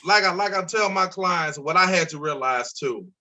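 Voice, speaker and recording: A man's voice: high-pitched, normal speed. A man in his forties from Chicago, an insurance broker guest talking casually and emphatically on a podcast, swearing freely. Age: 40s. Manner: emphatic, profane, animated storytelling.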